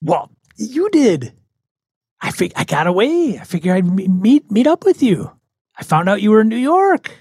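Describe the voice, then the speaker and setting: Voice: medium pitch, big pitch swings, moderate pace, darkish tone, husky, no room sound, clean studio sound. A game master voicing an eager woman who stammers as she pleads with her partner on the phone during a tabletop game. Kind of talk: in-character tabletop role-play.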